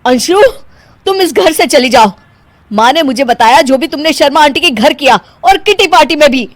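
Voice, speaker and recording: A woman voicing an exasperated young husband with a lowered, firm voice. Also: normal speed, a little mellow, natural voice.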